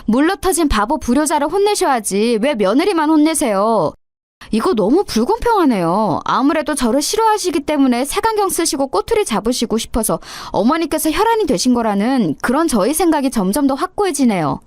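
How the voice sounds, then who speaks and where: A woman's voice: high-pitched, sing-song, fairly quick, darkish tone, dry recording. A woman voicing an insolent young daughter-in-law who talks with sarcastic, overly polite mockery. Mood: mocking.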